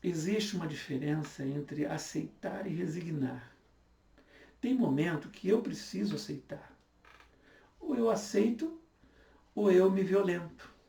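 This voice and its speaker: A man in his fifties gives a sermon in an earnest, repetitive way. His voice is fairly high and gravelly. He is recorded from a distance in an echoey room. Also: unhurried, long pauses, dark tone. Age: 50s. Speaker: pastor.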